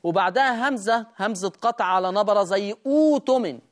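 An Egyptian-accented recitation teacher gives a classroom lesson, with a mid-range voice. The teacher keeps asking rhetorical questions, answers them at once, and draws out quoted verse in a slow chant. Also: mid-range voice. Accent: Egyptian Arabic.

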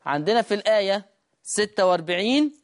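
An Egyptian-accented recitation teacher gives a classroom lesson, with a mid-range voice. The teacher keeps asking rhetorical questions, answers them at once, and draws out quoted verse in a slow chant. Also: mid-range voice, lively intonation. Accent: Egyptian Arabic.

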